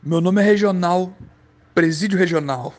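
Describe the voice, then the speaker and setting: Man putting on a ragged stranger hollering over and over, high and loud. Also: normal speed. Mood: yelling. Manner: yelling, repetitive. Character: ragged adult man shouting on a bus.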